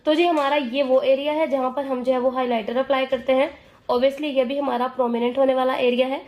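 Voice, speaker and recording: Hoarse high-voiced woman teaching makeup. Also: fairly even intonation, fairly quick, darkish tone, echoey room. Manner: patient explaining, frequent check-ins. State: hoarse, straining her voice. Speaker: makeup tutor. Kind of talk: step-by-step makeup tutorial.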